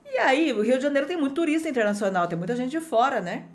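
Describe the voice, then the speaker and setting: A woman from Brazil gives an online English lesson in a fairly high voice. She is energetic and chatty, speaks directly to her students, and her pitch swings widely from phrase to phrase. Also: fast. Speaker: English teacher.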